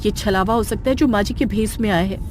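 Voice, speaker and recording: A woman voicing a worried young wife in an animated horror story, asking anxious questions. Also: medium pitch, fast, music in the background, lightly acted.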